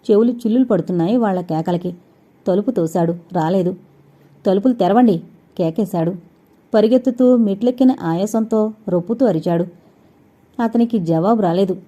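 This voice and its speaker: A woman narrating a suspense audio novel in a steady storytelling read. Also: medium pitch. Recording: slightly dull recording.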